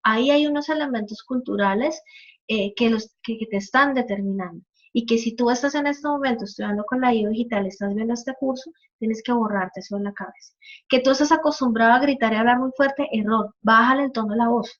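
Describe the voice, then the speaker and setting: A woman's voice: fairly high pitch, fairly quick, muffled recording. Patient woman teaching online. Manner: patient, explanatory, uses hypothetical examples and frequent "¿sí?" checks. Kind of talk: live online class, answering student questions.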